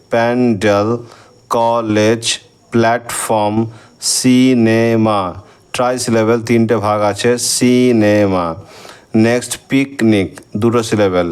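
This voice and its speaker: A man with a Bengali accent teaching English grammar to schoolchildren, slowly spelling out words letter by letter and counting their syllables. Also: fairly low pitch, smooth. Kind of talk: recorded lesson for schoolchildren.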